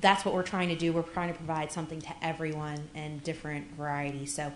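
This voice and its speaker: A woman's voice: sits low, little pitch movement, fast talker, a little hiss or hum. A woman giving upbeat, chatty remarks at a public city meeting, with plenty of fillers. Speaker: city events organizer. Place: council chamber. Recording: echoey meeting room.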